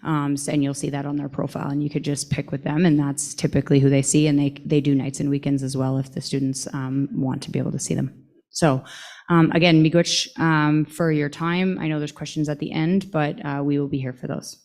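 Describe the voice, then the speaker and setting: A woman speaks as a presenter in a low register. Her intonation stays flat, and her delivery is informal and somewhat halting as she explains things to an audience. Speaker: conference presenter.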